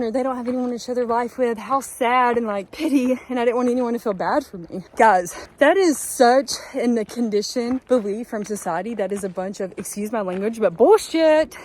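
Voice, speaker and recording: A young woman on a mountain trail vlogs in a fairly high voice, earnest and encouraging like a friend giving a pep talk. A faint hiss sits under her outdoor recording. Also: a little mellow. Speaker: long-distance hiker vlogging her trip. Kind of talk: casual motivational vlog talk.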